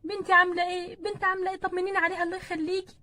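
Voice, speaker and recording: A fond older grandmother in a children's doll story, voiced by a woman with an Egyptian Arabic accent. She coos softly and soothingly in a high, fast voice. The sound is dry and up close. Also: level tone, no room sound. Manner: soft, doting and soothing.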